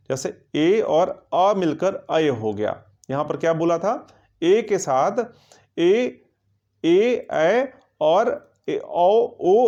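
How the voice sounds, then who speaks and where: A man teaching a grammar lesson for exam coaching. He asks his students questions, answers them himself, and repeats words slowly to drill them. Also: fairly high pitch, a little mellow, dull audio.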